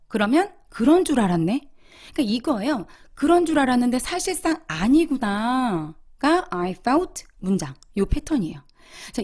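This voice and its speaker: Woman teacher, lively pitch, leads learners through slow repetition drills. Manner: animated, drills example sentences slowly for repetition. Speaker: English teacher. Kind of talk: language lesson.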